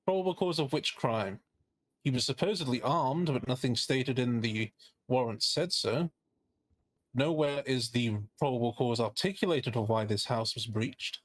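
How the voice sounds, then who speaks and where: A man's voice: mid-range voice, moderate pace, close to an everyday voice, low-quality recording. A man playing a skeptical, indignant defense lawyer in a role-play game, giving a courtroom closing argument with pointed, sardonic rhetorical questions.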